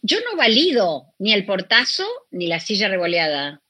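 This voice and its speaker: Middle-aged rioplatense woman, lively bright voice, kinda husky, acts out little dialogues. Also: medium pitch, moderate pace, no echo. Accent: Rioplatense Spanish. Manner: expressive, acts out quoted dialogue. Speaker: guest. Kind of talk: conversational interview.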